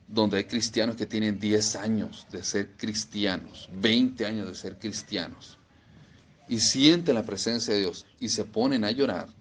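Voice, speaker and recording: A man preaching a sermon, emphatic and repeating phrases for stress. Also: on the low side.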